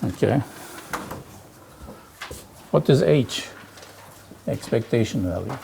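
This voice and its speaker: Slow, gravelly male physics lecturer. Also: medium pitch, expressive, dark tone, slight background noise. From Turkey. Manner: slow, halting, with frequent "okay" and "right". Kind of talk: university lecture working through exercises. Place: lecture hall.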